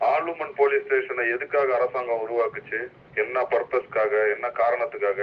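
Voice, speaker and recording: A man's voice: mid-range voice, steady tone, moderate pace. A man speaking as a senior police officer over a police radio, stern and scolding as he gives orders. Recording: muffled police radio with loud static.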